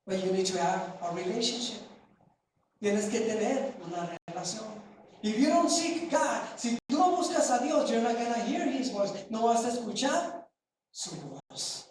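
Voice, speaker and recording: A pastor delivers a bilingual sermon at an unhurried pace, translating each phrase from English into Spanish in turn. The voice rings through a very echoey church hall, picked up from a distance with a faint hum of room noise behind it. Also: medium pitch, lively intonation, a little mellow. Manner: slow, deliberate preaching with emphatic repetition. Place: church sanctuary.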